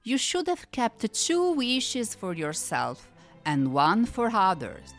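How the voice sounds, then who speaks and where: A woman voicing a calm, mysterious genie. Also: on the high side, slow pace, soft background music, voice pushed up, full character voice. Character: calm mysterious male genie, kindly wise.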